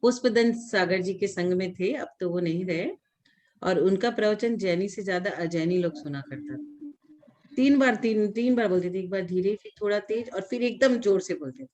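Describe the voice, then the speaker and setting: A woman's voice: medium pitch, moderate pace, a little mellow. Woman teaching scripture to a group. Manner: explains with everyday examples and quiz questions to listeners. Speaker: religious teacher. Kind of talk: explaining a scripture lesson.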